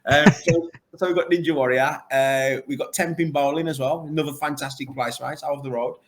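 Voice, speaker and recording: A man's voice: on the high side, fairly even intonation, a little fast. A man, an arcade owner chatting enthusiastically and at length in a casual interview. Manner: enthusiastic, rambling, full of superlatives.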